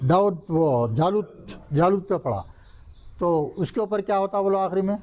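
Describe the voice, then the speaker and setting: Older male teacher, mellow, slightly raised voice, keeps quizzing the class and drilling the rules. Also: high voice, animated. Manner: asks the class questions and answers them himself, repeats key rules. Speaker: Arabic grammar teacher. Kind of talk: classroom lecture. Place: mosque classroom.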